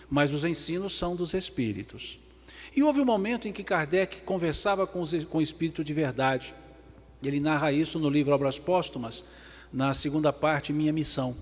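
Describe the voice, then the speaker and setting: Brazilian man lecturing in an echoing hall. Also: a little high. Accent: Brazilian Portuguese. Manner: emphatic, swinging between loud and hushed passages. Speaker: spiritist lecturer. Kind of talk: religious lecture. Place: large event hall. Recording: long hall reverb.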